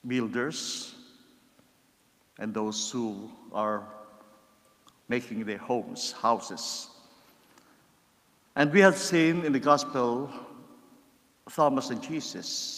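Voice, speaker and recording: A middle-aged man giving a homily as a priest at a lectern, preaching in a measured, deliberate way with rising emphasis on key words. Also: medium pitch, fairly bright tone. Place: church, at a lectern. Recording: church livestream with long reverb.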